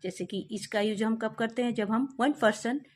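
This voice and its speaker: Woman spelling out phonics words slowly. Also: on the high side, steady tone, a little mellow. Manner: spells words letter by letter, then says them slowly. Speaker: teacher. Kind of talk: explaining a kindergarten English lesson.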